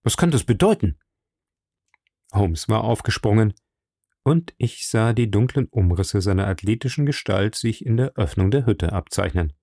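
A man narrates a story in a measured, dramatic manner. His voice sits low and carries a gravelly edge. The sound is dry and close to the mic. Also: dark tone, no echo. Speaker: audiobook narrator. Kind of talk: scripted narration.

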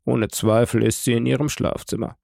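Frantic male prosecutor for an audiobook, read by a man: gravelly and urgent, dry close sound. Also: mid-range voice, level tone, moderate pace, darkish tone, no echo. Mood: anxious. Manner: anxious, calling out urgently. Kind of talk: audiobook reading.

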